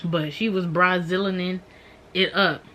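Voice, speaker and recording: A young woman chats casually through a book review, her voice sitting a little low. She talks loosely, with plenty of "um" and "like" fillers. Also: unhurried, a bit bright, a little hiss or hum. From Maryland, USA. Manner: chatty, many "um" and "like" fillers.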